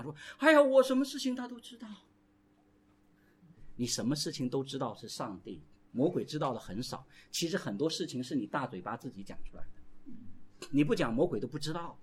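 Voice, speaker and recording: A male pastor delivers a sermon with sweeping swings in pitch and a husky edge. His voice sits somewhat high for a man. He keeps drawing the congregation in with quick call-and-response asides. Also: darkish tone.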